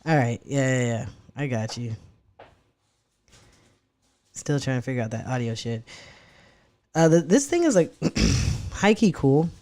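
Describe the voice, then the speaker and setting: A young man chats casually with his live-stream audience, rambling and swearing freely while he fiddles with his setup. His medium-pitched voice, neither deep nor high, is animated and darkish, and he speaks unhurriedly with frequent pauses.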